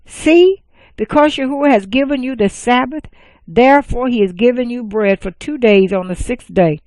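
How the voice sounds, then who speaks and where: A woman reading the words of God, a male deity giving commands, in a steady, solemn scripture-reading voice. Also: fairly high pitch, normal speed, no room sound, close to an everyday voice, rough recording. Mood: commanding.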